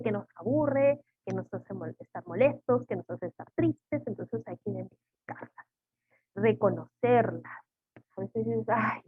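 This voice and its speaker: Husky woman teaching over a call. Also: on the high side, no echo. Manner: teaching with strings of rhetorical questions. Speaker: psychologist giving a webinar. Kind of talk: webinar talk. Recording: tinny phone-like call audio, dry.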